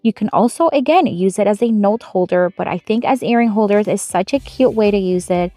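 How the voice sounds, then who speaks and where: A woman's voice: medium pitch, brisk, mellow, dry recording. A young adult woman narrating a step-by-step craft tutorial in a chatty, upbeat voice-over. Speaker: craft channel host.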